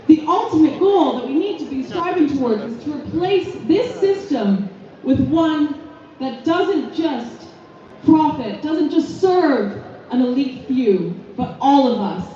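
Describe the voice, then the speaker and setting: A young woman giving an impassioned rally speech at an outdoor street protest, forceful and full of repeated phrases. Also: high-pitched. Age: young adult. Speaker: youth activist speaker. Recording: echoey, distant, muffled outdoor PA sound.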